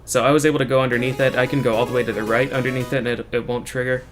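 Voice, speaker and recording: A man giving casual speedrun commentary as the runner, explaining technical details in a matter-of-fact, halting way. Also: medium pitch, level tone. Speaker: speedrunner commentating on own run. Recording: game music playing behind the voice. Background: video game music.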